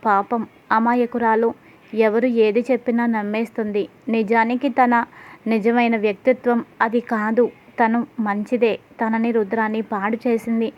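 A woman voicing a frail elderly grandfather who speaks slowly and softly. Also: fairly high pitch, flat delivery, muffled recording, close to an everyday voice. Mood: worried.

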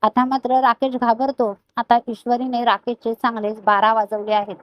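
A woman narrating a recap of a TV serial episode in a lively storytelling manner. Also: on the high side, normal speed, no room sound, highs cut off.

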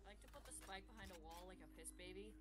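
A woman's voice: mid-range voice, racing, over loud music. A woman chatting casually in a gaming voice chat, playful and self-mocking. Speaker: gaming teammate.

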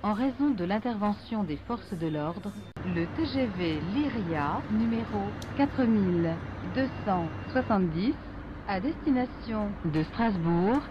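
A woman's voice heard over a station public-address loudspeaker, making a formal announcement in measured, evenly spaced phrases. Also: medium pitch, animated, muffled recording, noisy background.

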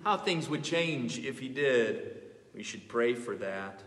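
A man preaching an expository sermon, swinging between loud fervor and hushed earnestness. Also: mid-range voice, expressive, takes it slowly. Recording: echoey hall with long reverb.

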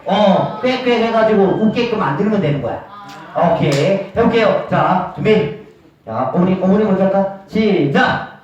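High-voiced man coaching a group in an echoey hall. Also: animated, darkish tone. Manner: brisk, repetitive coaching, calling out cues. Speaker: senior recreation instructor. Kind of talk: leading a group game for seniors. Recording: echoey dull room from far off.

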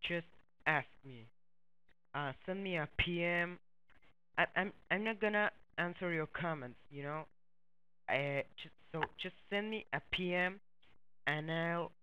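A young man, not a native English speaker, walks through a software tutorial in a halting way, repeating words and using many fillers. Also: a little high, smooth, dry recording. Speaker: tutorial host. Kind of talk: casual screen-recorded tutorial walkthrough. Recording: dull lo-fi dry mic.

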